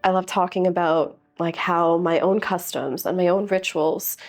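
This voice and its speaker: An interview guest in her early thirties gives thoughtful, earnest answers, often leaning on filler words. Her voice sits on the low side with fairly even intonation and a moderate pace, and faint music plays behind her.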